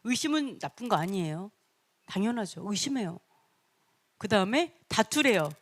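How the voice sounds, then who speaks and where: A woman teaching a church Bible study in an animated way, acting out short quotes and laughing often. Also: medium pitch, normal speed.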